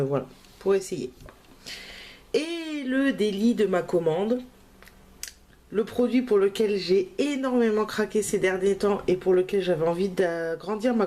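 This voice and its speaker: This crafting vlogger from France has a warm, mid-range voice. Showing what she bought in a casual haul video, she speaks hesitantly with lots of fillers.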